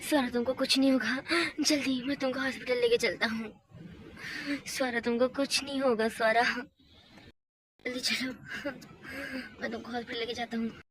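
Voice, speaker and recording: A woman voicing a protective young husband who speaks in hurried, urgent repeats. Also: a little high, flat delivery, lightly acted. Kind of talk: hobby doll mini-movie voice acting. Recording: noisy home recording.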